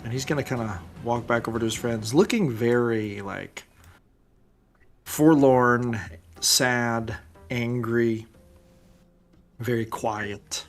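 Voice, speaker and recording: Slow-talking male tabletop player. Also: mid-range voice. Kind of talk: describing his character's actions.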